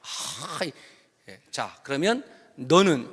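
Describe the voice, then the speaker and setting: A man's voice: on the high side, very animated, slow pace, a bit bright, breathy edge. A man preaching as senior pastor at a Friday service, playful and joking with the congregation as he leads them in reading aloud. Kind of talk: sermon at a Friday worship service. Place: church sanctuary. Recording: long reverb of a church hall.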